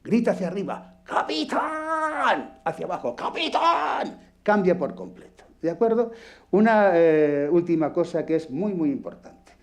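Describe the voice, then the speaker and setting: A man with a Peninsular Spanish accent runs a radio acting workshop, speaking in a slightly high voice for a man. He is blunt and happily foul-mouthed, and he acts out examples for his students. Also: expressive, moderate pace, warm tone. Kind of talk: workshop teaching. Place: workshop room with microphone.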